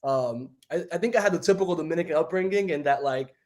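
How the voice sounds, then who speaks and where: A young man from New York City, whose first language is Spanish, joins a casual interview as a guest over a video call from a room at home. He talks fast in a voice on the high side, relaxed and chatty, dropping "like" constantly.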